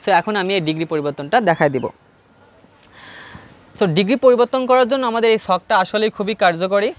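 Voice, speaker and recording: With a high, brisk voice, a man with a Bangladeshi Bengali accent walks through an English grammar lesson at a board one step at a time. He poses questions and answers them himself, repeating key points for emphasis.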